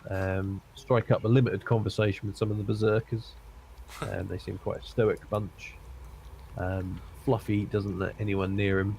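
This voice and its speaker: A man running a tabletop game as dungeon master, describing the scene haltingly with many ums and uhs. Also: on the low side, little pitch movement, creaky, a little mellow, a little hiss or hum.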